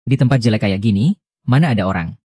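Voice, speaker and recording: A man's voice: lowish voice, expressive, quick pace, warm tone, no room sound. A man dubbing a cold, aloof young male lead in a drama, speaking curtly and with scorn. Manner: curt and scornful. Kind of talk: dubbed drama acting.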